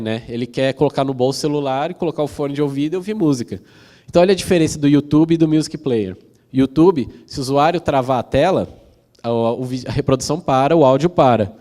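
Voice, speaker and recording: A man's voice: a little high, a little mellow. A Brazilian man giving a casual technical conference talk, explaining step by step with many fillers and tag questions. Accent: Brazilian Portuguese. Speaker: conference speaker. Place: large conference hall. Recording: long hall reverb.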